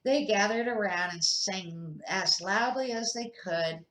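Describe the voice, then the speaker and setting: Taking it slowly, a grandmother reads a children's story aloud, her medium-pitched voice expressive and rough around the edges. There's a clear echo in the room.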